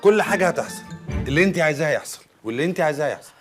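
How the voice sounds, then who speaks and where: A man's voice: on the high side, animated, racing, soft background music, close to an everyday voice. An actor with an Egyptian accent playing a man posing as an education doctor who coaxes and placates his arguing colleagues in a comedy TV series. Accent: Egyptian Arabic. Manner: coaxing, placating, mocking asides. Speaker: mediator in a staff dispute.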